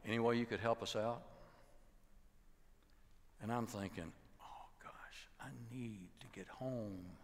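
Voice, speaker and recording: A man's voice: fairly low pitch, slow pace, long pauses. An older man preaching a sermon in a church, telling stories and acting out the voices of the people in them. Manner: animated storytelling, acting out voices in quotes, dropping to a hushed voice. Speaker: pastor. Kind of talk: sermon with storytelling. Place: large church sanctuary with choir behind. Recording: long hall reverb.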